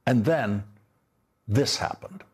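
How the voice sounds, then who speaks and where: An older man delivering scripted news commentary as an anchor, emphatic and indignant with deliberate phrasing. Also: mid-range voice, lively intonation, a little mellow, a little hiss or hum.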